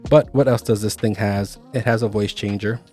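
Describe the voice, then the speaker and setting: Low-voiced man reviewing gear. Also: fairly even intonation, moderate pace, darkish tone, faint music behind. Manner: chatty, explains step by step. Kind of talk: casual product review.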